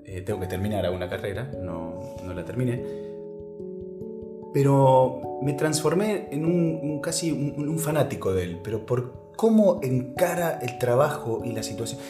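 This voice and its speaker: An Argentine voice actor, a guest in a casual interview, speaks Spanish with an Argentine accent in a medium-pitched, animated voice. He's reflective and halting, with many restarts. The room is echoey, with faint music.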